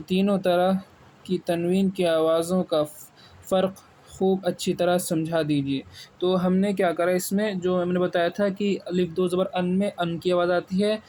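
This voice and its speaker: A man with a Pakistani Urdu accent teaches Quran reading by spelling out each sound slowly and drawing out the syllables. His voice sits a little high. There is faint noise behind him. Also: darkish tone. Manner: repeats sounds slowly, drawn-out syllables, frequent "theek hai". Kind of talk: spelling-out recitation lesson.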